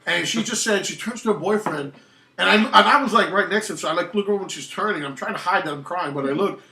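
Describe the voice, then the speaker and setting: A man's voice: sits high, quick pace, gravelly, recorded from a distance. A man, telling rambling film stories in casual chat, full of restarts. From New York. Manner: rambling, animated storytelling with many restarts. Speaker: podcast host. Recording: roomy echo, off-mic.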